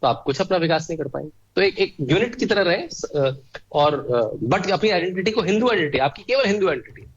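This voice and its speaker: Husky-voiced man, emphatic political talk. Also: high-pitched, expressive, fairly quick, dull audio. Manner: emphatic, piles up lists of examples. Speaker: guest, author. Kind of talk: political commentary in conversation.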